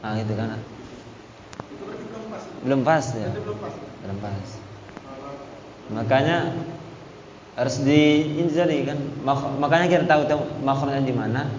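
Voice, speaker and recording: A man teaching Quran recitation in a mosque, patiently explaining and chanting verses slowly, repeating syllables to demonstrate. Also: medium pitch, a little mellow, slight background noise. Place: mosque hall. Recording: echoey hall, dull lo-fi sound.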